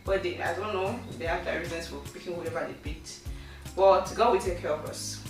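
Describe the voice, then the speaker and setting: A woman's voice: on the low side, steady tone, fairly quick. A woman with a Nigerian accent, hosting a casual interview for her channel and putting questions to a guest. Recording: very echoey room, distant mic, faint music.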